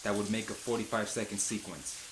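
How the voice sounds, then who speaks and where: A man with a fairly low voice narrates a scripted film essay. His delivery is emphatic and dramatic, leaning hard on key words. Steady hiss and noise sit clearly under the voice. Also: fairly quick. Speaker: video essayist.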